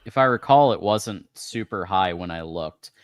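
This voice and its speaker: Measured co-host man, dry mic. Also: sits low, lively intonation, no echo. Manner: measured, analytical, reads viewer comments. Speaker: podcast co-host. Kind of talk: casual sports postgame chat.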